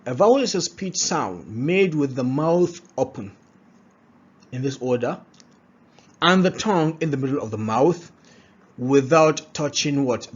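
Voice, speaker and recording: A man teaches a classroom-style pronunciation lesson in a mid-range voice with a breathy edge. He often asks rhetorical questions and checks in with "all right?". The recording is dull and lo-fi.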